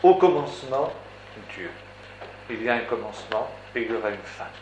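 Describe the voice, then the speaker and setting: A man's voice: mid-range voice, animated, brisk, darkish tone. A man preaching a sermon in an emphatic, rhetorical manner, building points through repeated phrases. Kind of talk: sermon teaching. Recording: echoey room with faint background noise.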